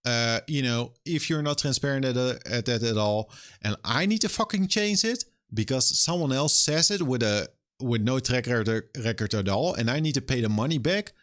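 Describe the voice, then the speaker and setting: Young male streamer, mid-pitch voice, venting with profane, exasperated energy. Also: lively intonation, moderate pace, fairly bright tone. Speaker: streamer and game developer. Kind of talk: casual livestream rant.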